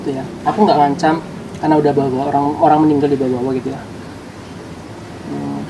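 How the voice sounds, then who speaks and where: A man's voice: medium pitch, expressive, fast talker, noisy background. A man talking to his viewers in a casual vlog, explaining himself defensively. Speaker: YouTuber.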